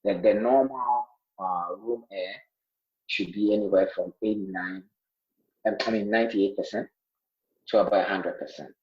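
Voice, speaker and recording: A man's voice: lowish voice, normal speed, long pauses. A man, a health care worker telling of his own illness in earnest, with many fillers and restarts. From Ghana. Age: 40s. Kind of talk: interview, personal account. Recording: roomy, dull sounding line.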